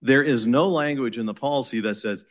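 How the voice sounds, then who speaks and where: Boston-accented man arguing in court. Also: medium pitch. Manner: measured, insistent legal argument. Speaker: attorney arguing an appeal. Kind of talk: courtroom oral argument.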